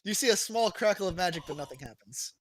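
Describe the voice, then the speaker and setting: A man's voice: high-pitched, expressive, fast talker, rough recording. A man running a tabletop game as game master, narrating with playful, dramatic flair.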